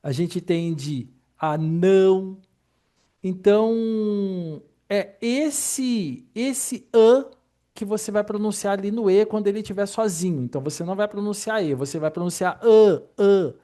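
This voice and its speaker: A man's voice: sits high, a little slow, warm tone. A man teaching Mandarin pronunciation in an online lesson, patiently explaining and repeating each sound.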